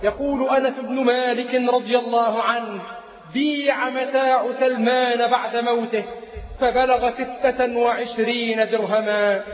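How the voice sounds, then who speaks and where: A man's voice: very high-pitched, steady tone, a little slow. A man preaching a sermon in a chanting, sing-song delivery, repeating key phrases. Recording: echoey lo-fi mosque recording.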